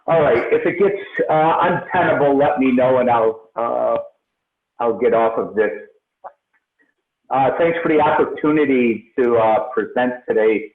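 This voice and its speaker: A man presenting on a remote call, his voice echoing as if in a tunnel or underwater, speaking hesitantly with many filler pauses. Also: medium pitch. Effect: echoing tunnel sound, as if underwater. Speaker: presenter at a meeting. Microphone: remote call from a computer. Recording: echoey tinny video-call audio.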